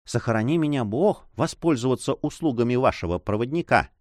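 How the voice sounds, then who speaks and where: A man's voice: medium pitch, expressive, a little fast, no room sound, clean studio sound, natural voice. A man voicing a frightened, hesitant Spanish monk who stammers timidly. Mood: fearful.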